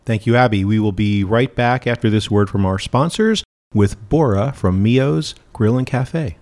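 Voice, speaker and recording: A man's voice: fairly low pitch, measured pace, darkish tone. A man co-hosting a food podcast, introducing guests and segments in an upbeat casual way. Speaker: podcast co-host.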